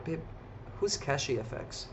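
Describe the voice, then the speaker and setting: Unhurried but very animated, a trading stream host with a mid-range voice talks markets directly with his viewers in a casual, chatty live stream. Background noise runs under the slightly dull lo-fi recording.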